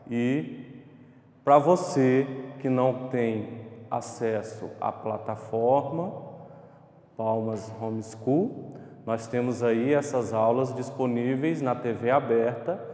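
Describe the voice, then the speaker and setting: A male primary school teacher with a Brazilian Portuguese accent gives a recorded remote class. He draws out syllables slowly and speaks in an encouraging way. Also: medium pitch, a little mellow. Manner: slow, drawn-out syllables when spelling words, encouraging. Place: classroom with a whiteboard. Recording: echoey classroom with long reverb.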